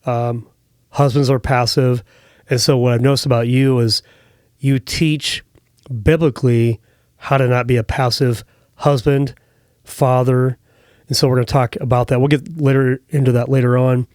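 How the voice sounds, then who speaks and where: Friendly and talkative, a man hosts a studio podcast interview with plenty of fillers. His medium-pitched voice is level and darkish, moving at a normal speed, and the studio mic captures it without echo.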